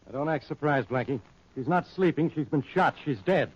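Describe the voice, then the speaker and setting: An actor playing a stubborn, accusing police inspector with a blustering, peremptory manner in a 1940s radio drama. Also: male voice, a little high, normal speed, close to an everyday voice. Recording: muffled vintage 1940s radio recording.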